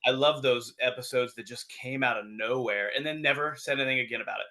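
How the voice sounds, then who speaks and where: A man's voice: medium pitch, fast, bright, forceful tone. A man being interviewed on a podcast about his comics, easygoing and hedging in casual chat. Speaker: comic book publisher.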